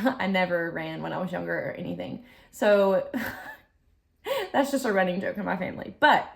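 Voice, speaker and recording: A woman with noticeable vocal fry talks casually to her vlog audience. She is chatty and a bit giggly, rambling along like a fitness instructor sharing updates. Her pitch sits in an average range for a woman. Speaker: fitness vlogger.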